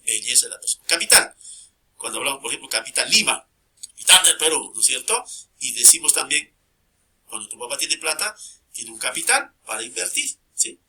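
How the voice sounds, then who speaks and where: Bright-voiced male teacher. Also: mid-range voice, big pitch swings, a little fast. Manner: checks in constantly with short tag questions; repeats key terms emphatically. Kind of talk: recorded grammar lesson.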